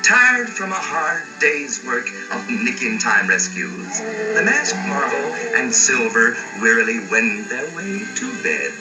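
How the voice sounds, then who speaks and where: A man's voice: medium pitch, very animated, slow. An actor playing a melodramatic male narrator of a western spoof in 1930s radio serial style, grandiose but chummy with the audience. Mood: chummy, playful. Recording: distant vintage 1930s cartoon soundtrack, loud music.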